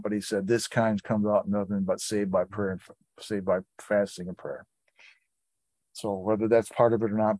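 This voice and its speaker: A man's voice: lowish voice, a little mellow, dry recording. A man leading an informal Bible study, reading scripture aloud and breaking off into conversational asides.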